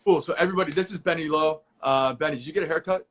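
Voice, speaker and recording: A man's voice: fairly high pitch, rapid-fire, fairly bright tone. A young man hosting an online interview event, talking casually and upbeat with many fillers, over a video call. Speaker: host.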